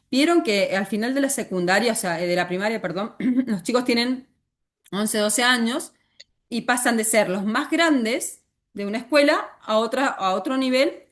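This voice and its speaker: A woman teacher with an Argentine accent, lecturing a class and often stopping to ask the students questions. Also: on the high side. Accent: Argentine Spanish. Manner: asks the class frequent questions.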